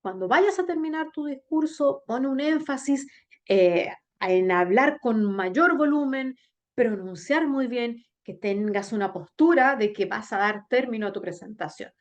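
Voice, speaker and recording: Woman teacher coaching public speaking. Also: expressive. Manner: addresses students directly with frequent "¿bien?" check-ins; exaggerated pitch swings and slow, sung-out demo readings. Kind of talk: recorded class on public speaking. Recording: dull lo-fi recording.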